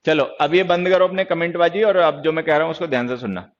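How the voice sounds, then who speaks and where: A hoarse man teaching an online English grammar class, scolding and teasing his students playfully as he explains. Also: on the high side, quick pace, lo-fi sound. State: hoarse from shouting.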